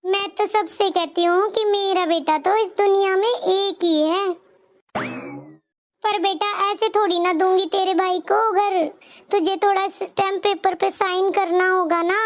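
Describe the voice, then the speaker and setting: Woman doing a scheming old mother-in-law. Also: very high-pitched. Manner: sweet-talking, wheedling. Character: scheming elderly mother-in-law who plays favourites.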